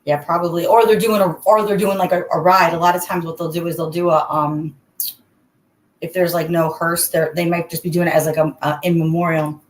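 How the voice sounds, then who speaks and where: A woman's voice: on the low side, level tone, brisk. Woman chatting casually in an echoey bathroom. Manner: chatty, addresses viewers by name. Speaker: livestream host. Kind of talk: casual livestream chat with viewers. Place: indoors, in a bathroom. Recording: echoey bathroom, clear background noise.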